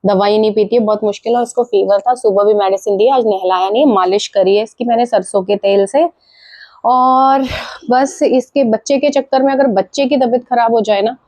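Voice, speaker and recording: A woman's voice: fairly high pitch, darkish tone, poor audio. A woman in her thirties, a mother chatting casually to her viewers as friends while cooking at home. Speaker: family vlogger and mother. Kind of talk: casual vlog chat to viewers. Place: home kitchen.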